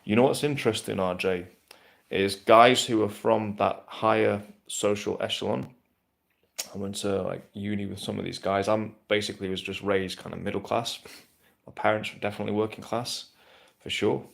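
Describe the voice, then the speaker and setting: A man talks bluntly through viewer questions on a live stream. His voice sits low and gravelly, with a flat, level delivery and frequent casual swearing. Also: moderate pace. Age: 30s.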